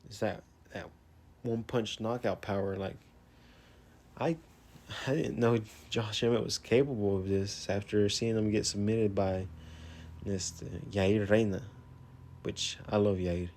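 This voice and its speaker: A man's voice: lowish voice, steady tone, a little slow, darkish tone, slight background noise. A man vlogging a casual fight recap, chatty and loose, openly a fan. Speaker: sports vlogger.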